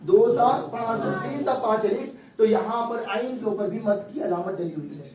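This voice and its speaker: A man's voice: sits high, normal speed, reverberant, distant mic, crowd noise, low-quality recording. A male teacher giving a classroom lesson on Quran recitation, explaining step by step and quizzing his students.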